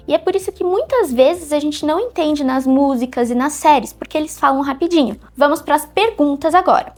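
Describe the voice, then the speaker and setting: High-voiced woman teaching English, music behind. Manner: clear, explanatory, slows down for example sentences. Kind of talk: online English lesson.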